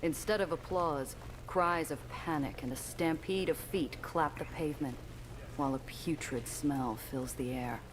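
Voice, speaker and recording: An actor playing a cynical, world-weary noir detective who narrates his own case in a brooding, measured way for a video game. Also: fairly high pitch, background noise, lightly acted. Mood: grim. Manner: hard-boiled, brooding, flatly measured.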